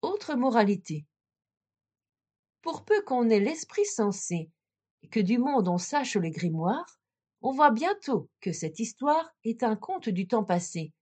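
A woman storyteller reading a classic fairy tale in a measured, expressive way. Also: a little high, breathy edge.

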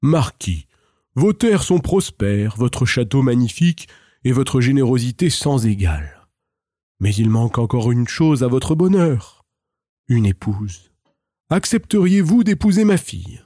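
A man's voice: mid-range voice, sing-song, a little slow, warm tone, no echo, studio quality. A man voicing a gracious male king in a storybook, speaking in a stately, admiring way.

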